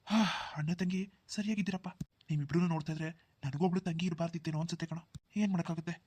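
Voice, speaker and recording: A man voicing a well-off, generous young village man in a cartoon, who talks briskly and hushes others' worries. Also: fairly high pitch, fairly even intonation, slightly rough, no echo. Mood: reassuring. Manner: brisk, dismissive of worries, hushing. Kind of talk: Kannada cartoon dubbing.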